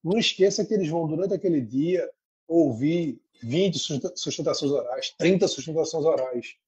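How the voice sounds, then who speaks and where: A man's voice: a little high, moderate pace, a little mellow, husky, dull audio. A man, a lawyer, giving practical advice in an interview and explaining step by step. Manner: didactic, explains in lists. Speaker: lawyer guest.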